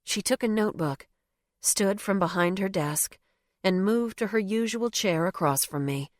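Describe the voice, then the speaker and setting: A woman's voice: medium pitch, moderate pace, no room sound, studio quality. A woman narrating a novel in the first person, with a wry, conversational telling. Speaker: audiobook narrator.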